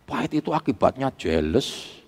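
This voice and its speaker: A man's voice: medium pitch, very animated, moderate pace, a little mellow. A male pastor, preaching an emphatic sermon and calling out to the congregation. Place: church. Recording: long reverb of a church hall.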